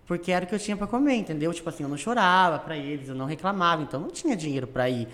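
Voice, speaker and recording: A woman from Mato Grosso do Sul, in central-west Brazil, tells a story as a guest in a casual chat. Her voice is on the low side and rapid-fire, and she's animated and laughing, acting out other people's voices.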